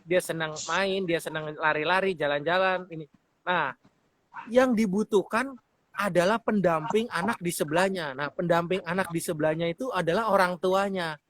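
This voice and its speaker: A man's voice: sits high, moderate pace, fairly bright tone. A man hosting a radio talk show, chatting casually with his guest and telling anecdotes. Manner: chatty, tells anecdotes, addresses guest often. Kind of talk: casual interview chat.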